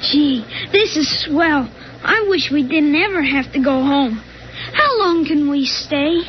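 An eager, polite young boy in a fifties radio play. The voice is very high and the old broadcast disc sounds dull. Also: expressive, slow. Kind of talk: 1950s radio drama acting.

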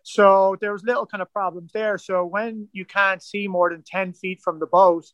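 High-voiced Irish man, rambling story. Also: fairly even intonation, moderate pace, fairly bright tone, dry recording, dull audio. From Ireland. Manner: rambling, full of "like" and "kinda" fillers. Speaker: guest, ocean rower. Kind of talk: casual storytelling interview.

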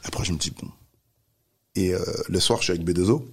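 A man telling a story in casual chat, animated, acting out the voices of the people he quotes. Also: low-pitched, quick pace, husky. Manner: animated, acts out quoted voices, many restarts. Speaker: music manager telling a story.

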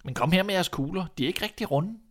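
A man's voice: high voice, lively intonation, voice pushed up. A man voicing a fearless, cocky young lad in a storybook reading, answering boldly and cheekily. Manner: bright, bold, cheeky replies.

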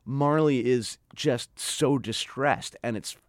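Telling a story in a relaxed interview, this middle-aged man is chatty, full of "like," and performs other people's lines in their voices. He talks slowly in a mid-range voice, recorded dry with clean studio sound.

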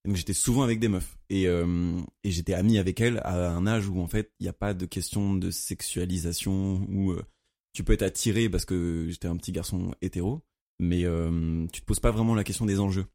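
A man's voice: deep voice, steady tone, fairly quick, warm tone. A man co-hosting a podcast in casual, conversational talk. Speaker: podcast co-host. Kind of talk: casual chat.

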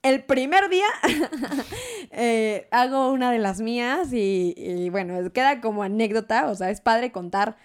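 Young woman telling a story, kinda high voice, lively, laughs a lot. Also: a little slow. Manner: animated, laughs often, acts out quoted voices. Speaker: guest. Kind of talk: casual storytelling.

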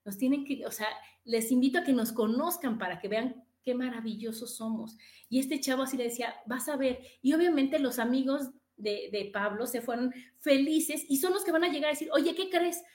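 A middle-aged Mexican woman hosting a podcast, telling stories in a casual, animated way and acting out the voices she quotes. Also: brisk, reverberant. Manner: animated, acts out quoted voices with big pitch jumps. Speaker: podcast host. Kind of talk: casual storytelling monologue.

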